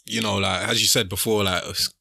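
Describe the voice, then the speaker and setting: A man's voice: lowish voice, fairly even intonation, fairly quick, vocal fry, sharp tone, husky, dry recording, clean studio sound. A young man with a London roadman accent, chatting casually on a podcast in slangy, repetitive short phrases. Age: young adult. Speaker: podcast speaker.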